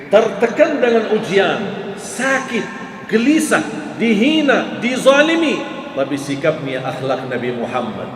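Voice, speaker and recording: A man giving a sermon, telling stories and raising his voice high on key words. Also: very animated, measured pace, far from the mic. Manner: storytelling, pitch rising sharply for emphasis. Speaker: preacher. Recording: echoey hall with faint ambient noise.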